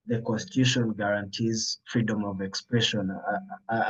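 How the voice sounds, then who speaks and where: A man with an East African accent speaking haltingly and hesitantly in an unscripted panel discussion on a video call. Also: on the low side, slightly rough. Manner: halting, hesitant delivery with frequent long pauses. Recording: dull lo-fi online call audio.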